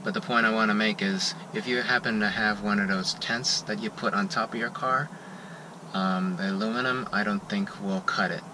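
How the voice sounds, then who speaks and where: A man's voice: fairly low pitch, steady tone, moderate pace. A middle-aged man giving a casual gear review from inside a parked car, speaking plainly and unhurriedly with occasional "uh" fillers, recorded on a dashboard-mounted camera. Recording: loud background noise.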